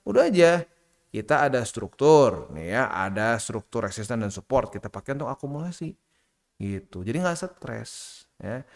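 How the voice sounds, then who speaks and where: A man from Indonesia, talking casually through market charts, lively and slangy, acting out other people in a higher voice. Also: normal speed, gravelly. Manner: chatty, lively, acts out quoted people with jumps in pitch. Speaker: crypto market commentator.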